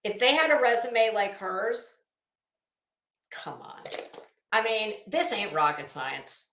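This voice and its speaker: A woman livestream host rants casually to her chat, blunt and coarse, with an emphatic, sarcastic, challenging delivery. Her medium-pitched voice is very animated and a bit bright, though she takes it slowly. The room she's in is echoey.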